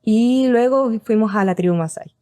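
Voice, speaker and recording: A woman's voice: a little high, normal speed, warm tone, no echo. A woman in her twenties with a Chilean accent, telling her story casually as a podcast guest. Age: 20s. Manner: storytelling with restarts.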